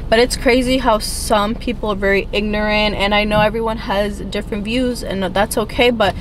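A woman's voice: mid-range voice, steady tone, normal speed, background noise. A woman in her twenties, born in Ecuador and raised in New York City, chatting casually in a vlog from a parked car, with lots of fillers. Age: 20s. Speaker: lifestyle vlogger. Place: parked car, indoors in a kitchen at first.

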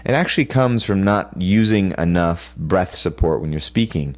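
A man with a very low voice gives a lecture on caring for the voice. He talks through practical tips in a plain, steady teaching manner, with plenty of "uh" and "um" along the way. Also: normal speed. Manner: plain, practical advice with frequent fillers. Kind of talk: recorded lecture for students.

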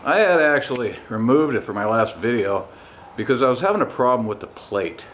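A man giving an informal walkaround commentary, unhurried, in broken phrases with pauses, like a hobby mechanic on a handheld camera in a garage. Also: medium pitch, lively intonation, fairly bright tone. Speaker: motorcycle vlogger, home mechanic. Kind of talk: casual walkaround commentary on custom bike work. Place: home garage with open door. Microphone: handheld camera mic. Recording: noisy handheld recording in a garage.

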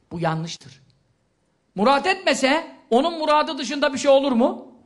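A man giving a religious lecture, asking questions and answering them himself, with quick recited Arabic verses. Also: extremely high pitch, sharp tone. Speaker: preacher.

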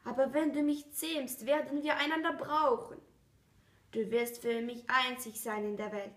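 A woman voicing a gentle, curious male fox in a storybook reading, earnest and coaxing, recorded with a roomy echo. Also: sits high, fairly even intonation, measured pace. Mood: wistful.

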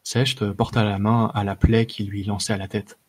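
A man reads a fantasy tale aloud in a low, husky voice. His pace is measured, with a few small hesitations between phrases. An audiobook narration. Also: flat delivery, darkish tone. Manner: measured reading with occasional filler hesitations. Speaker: audiobook reader. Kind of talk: narrating a fantasy short story.

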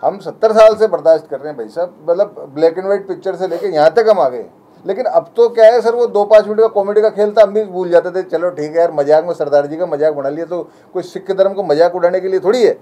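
A man's voice: high-pitched, quick pace, warm tone. A man speaking as a community representative at a press conference, insistent and appealing in a conversational way.

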